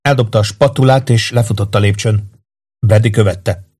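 A man reading a story aloud as an audiobook narrator, in calm, even storytelling. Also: fairly low pitch, husky. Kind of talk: scripted narration.

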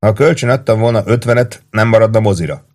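A man's voice: lowish voice, a little mellow, pitched above the performer's own voice, close to an everyday voice. A man reading an audiobook, voicing a sulky young male soldier who grumbles defensively. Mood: grumbling.

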